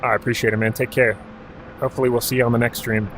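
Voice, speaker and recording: Man, from Alaska, game streamer, mid-pitched voice, relaxed banter, barked commands, casual swearing. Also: very fast, slight background noise, poor audio. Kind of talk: casual live-stream chat while playing.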